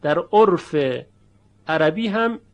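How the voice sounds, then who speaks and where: A man teaching a tajweed lesson, explaining merging rules patiently and demonstrating each sound slowly and emphatically. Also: high voice. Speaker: Quran recitation teacher.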